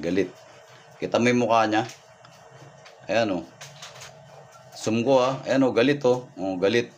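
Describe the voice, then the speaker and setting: A man working as a folk healer, reading signs live on stream, repeating himself and thanking viewers by name over faint background noise. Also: lowish voice. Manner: repetitive, thanks viewers by name, points things out.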